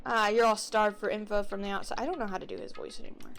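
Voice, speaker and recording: A woman's voice: mid-range voice, fairly even intonation, fast, a bit bright. A woman streaming a video game, reading the dialogue aloud with playful voices and chatty asides. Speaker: let's play streamer. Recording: music behind.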